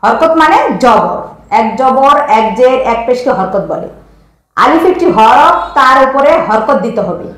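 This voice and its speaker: A woman teaching Quran recitation rules, who explains step by step, repeats examples slowly and quizzes a pupil. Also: sits high, lively intonation, heavy reverb, low-quality recording. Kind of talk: teaching lesson, questioning a pupil.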